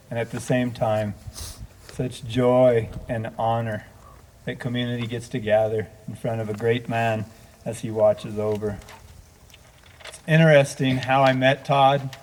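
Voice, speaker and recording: A man, a multi-faith minister, speaking gently and from the heart at a memorial service, telling a story and leading a prayer. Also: mid-range voice, slight background noise, rough recording.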